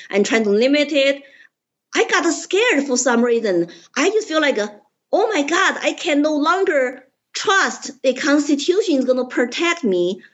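A woman from China, a political candidate appearing as a guest, tells her story in an interview with a Chinese accent. Her slightly high voice is earnest and emphatic, using plain, direct sentences with simple grammar, and the audio sounds dull, lo-fi, and muffled.

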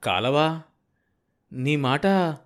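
A man's voice: medium pitch, expressive, normal speed, close to an everyday voice. A man voicing a hardworking, proud farmer father who speaks firmly and with emphasis. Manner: firm, emphatic.

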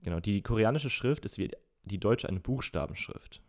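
A young man with a very low voice co-hosts a podcast in easygoing conversation. He explains at length, pausing on fillers and restarting his sentences. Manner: relaxed, rambling explanations with many fillers. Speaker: podcast co-host. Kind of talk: casual chat.

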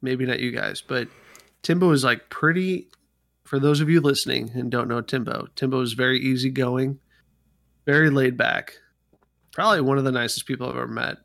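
Casual male podcast host, creaky and close-sounding. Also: mid-range voice, fairly even intonation, moderate pace, a bit bright, dry recording. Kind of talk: casual group chat.

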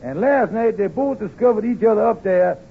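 An actor playing a wheedling, excitable small-time con man in a 1950s radio comedy, stammering as he schemes. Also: high-pitched, moderate pace, gravelly, slightly rough, exaggerated voice. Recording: tinny, noisy old radio recording.

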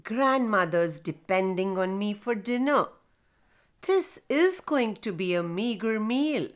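A woman voicing a curious young village boy in a high, excited voice. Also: takes it slowly. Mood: eager.

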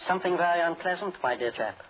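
An actor playing an exasperated radio actor who rehearses as a suave villain, in 1940s radio drama style. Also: male voice, sits high, expressive, fast. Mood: suave, menacing. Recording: muffled, noisy 1940s radio recording.

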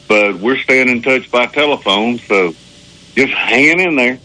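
A man's voice: mid-range voice, measured pace, pushed and bright, rough recording. A middle-aged or older man talking casually as a regular calling in to a radio show by phone. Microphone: telephone.

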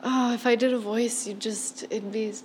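Playful woman cohost, high voice, laughs a lot, cusses, noisy background. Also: steady tone, moderate pace, a little mellow. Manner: playful, laughing, swearing freely. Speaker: podcast co-host. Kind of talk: casual chat.

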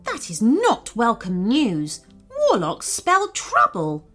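A woman voicing a large, wise unicorn in a storybook, speaking in a solemn, measured way. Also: a little high, huge pitch swings, a bit bright, soft background music, heavily acted. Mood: grave, warning.

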